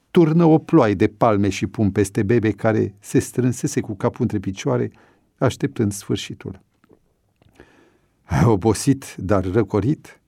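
A man narrates an audiobook story at a measured, even pace. His voice sits low and dark. The recording is close and dry, with no room sound. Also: creaky, no echo.

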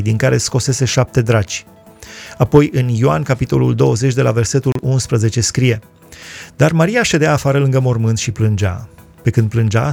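A man reading Bible passages aloud and explaining them in a measured way, citing chapter and verse. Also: medium pitch, vocal fry, darkish tone. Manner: measured reading with scripture references. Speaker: Bible teacher.

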